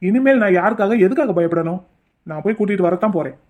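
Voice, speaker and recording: A man doing a stern proud dad, quick defiant speech, mellow highish voice, cartoon dub. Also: lively intonation. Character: stern proud elderly father.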